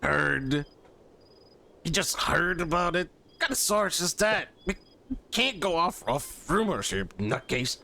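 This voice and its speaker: Brief: scheming outlaw gang boss with a cowboy drawl, a man doing the voice, slightly high and lively. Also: a little slow, vocal fry, full character voice. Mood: scornful. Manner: drawling, skeptical cowboy talk.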